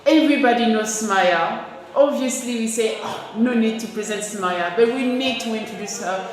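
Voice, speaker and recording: Slow-spoken woman host in a very echoey room. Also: fairly high pitch. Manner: warm, praising, slow and deliberate. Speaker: interview host. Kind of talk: hosting an interview. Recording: very echoey room with faint noise.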